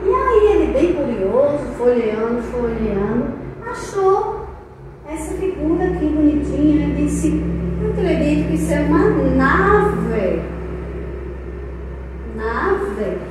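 A woman teacher speaks in a high, sing-song voice, stretching out each syllable slowly for small children. She is far from the microphone in a very echoey room, with a faint hiss underneath. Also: big pitch swings. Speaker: preschool teacher. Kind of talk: recorded children's lesson. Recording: very echoey room, distant mic, faint noise.

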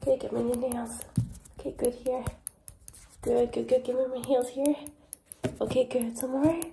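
A young woman doing fast, soft-spoken role-play ASMR, repeating words in rapid strings. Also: on the high side, flat delivery, gravelly. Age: young adult. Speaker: ASMR performer. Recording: loud handling noise and clicks.

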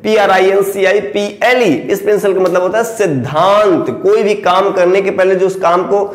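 A man with an Indian accent teaches English vocabulary in a fairly high voice. He spells each word out letter by letter and keeps repeating key words, and his voice rings with a noticeable room echo. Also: fairly even intonation, normal speed. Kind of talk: classroom-style vocabulary lesson.

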